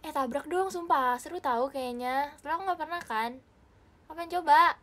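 A young woman with an Indonesian accent, chatting casually and excitably with viewers on a livestream, mixing in English phrases. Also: high-pitched, brisk. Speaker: idol livestream host.

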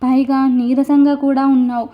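A calm young man coaxes and soothes in a steady, patient way in a spoken storybook, voiced by a woman. The voice stays high and light rather than deep. The recording has a dull, lo-fi sound. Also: moderate pace, lightly acted. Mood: soothing. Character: calm, reassuring young man, gently insistent.

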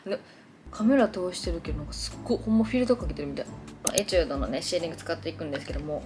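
A young woman with a Kansai accent chatting through a makeup tutorial, rambling into animated stories as she works. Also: lowish voice, very fast, faint music behind. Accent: Kansai Japanese. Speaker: beauty vlogger.

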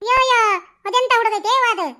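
A woman voicing a fussy, dramatic village woman in a cartoon, with a North Karnataka Kannada accent and an excitable, chattering delivery. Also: extremely high pitch, brisk. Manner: excitable, storytelling, scolding. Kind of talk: cartoon voice acting.

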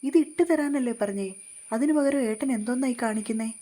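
A woman's voice: mid-range voice, animated, warm tone, slightly rough. A woman voicing a sassy, stubborn young woman of about twenty who pouts and protests in a storybook reading. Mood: indignant. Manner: pouty, teasing, quick to protest.

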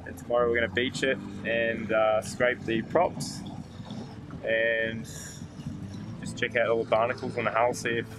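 A man's voice: medium pitch, little pitch movement, normal speed, noisy background. A young man chatting casually on his sailboat, easygoing and rambling with fillers. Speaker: sailing vlogger. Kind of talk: casual vlog chat. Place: sailboat outdoors on the water.

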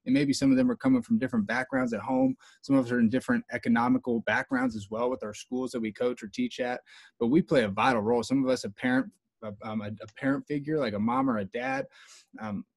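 A man, a baseball coach, speaking in a fired-up, energetic way on a video call. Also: medium pitch, fast talker, gravelly, no echo. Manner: fired up, energetic, laughs easily.

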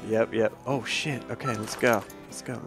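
A man's voice: mid-range voice, steady tone, moderate pace, over music. A man hosting a let's-play, casually rambling as he explains the game to a friend.

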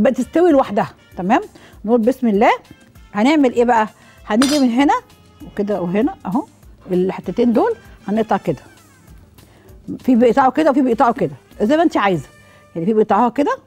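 A woman's voice: a little high, a little mellow. A middle-aged woman with an Egyptian accent hosts a cooking show, demonstrating with a watermelon and asking the viewers questions she answers herself. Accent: Egyptian Arabic.

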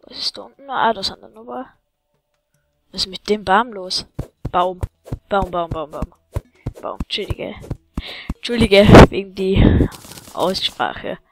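A woman giving excitable let's-play commentary, yelling at enemies and chatting to viewers, with faint game music behind. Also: mid-range voice, measured pace, gravelly, long pauses, low-quality recording.

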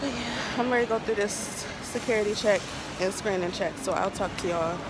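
A woman's voice: medium pitch, brisk. A young woman talking candidly and chattily to her viewers in a casual vlog, filmed on a handheld phone. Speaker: vlogger. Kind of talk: casual vlog talk to camera. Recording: heavy background noise.

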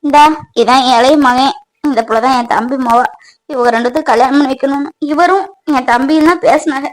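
A woman's voice: high voice, a little fast, pitched below the performer's own voice, close to an everyday voice, rough recording. A woman voicing a firm, reproachful middle-aged mother in a cartoon family drama. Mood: explaining.

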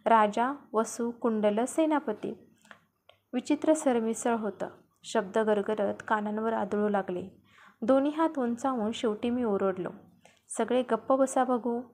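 A woman narrating an audiobook novel in the first person, with steady storytelling delivery. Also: on the high side.

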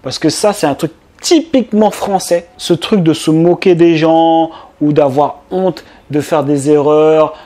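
A man from France speaking in an informal, conversational way to his audience. His voice sits a little higher than usual for a man. He often restarts his sentences. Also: steady tone, unhurried, dark tone. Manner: chatty, informal, speaks directly to the viewer, many fillers and restarts. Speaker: business coach and YouTuber. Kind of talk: casual video commentary to the viewer.

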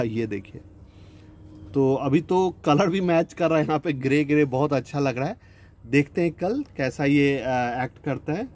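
Outdoors next to a scooter, a DIY repair host walks his audience through a hands-on job in a relaxed, chatty tutorial. His mid-range voice has a darkish tone, and he speaks Hindi sprinkled with English words, addressing viewers like friends.

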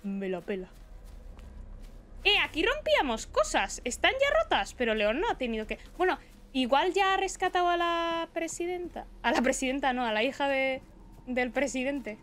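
High, bright excitable Spanish woman streamer. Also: moderate pace. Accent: Spanish from Spain. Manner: chatty, excitable, swears and shrieks at scares. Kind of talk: casual live gameplay commentary.

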